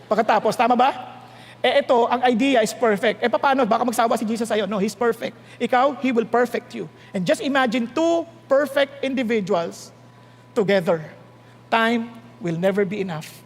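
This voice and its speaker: A man with a Filipino accent preaching a sermon, teasing and animated as he mixes in English. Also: very high voice, normal speed. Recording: long hall reverb.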